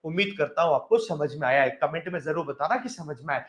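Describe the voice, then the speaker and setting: A man's voice: fairly high pitch, expressive, fast, muffled recording. A man, a bank exam English teacher giving an emphatic motivational lecture with a story and rhetorical questions. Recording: echoey room.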